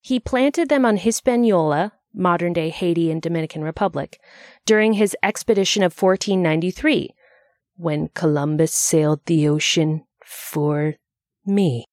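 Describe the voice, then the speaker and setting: A woman's voice: lowish voice, normal speed, darkish tone, no echo, studio quality. A woman narrating a scripted explainer in a bookish, conversational way, with wry asides.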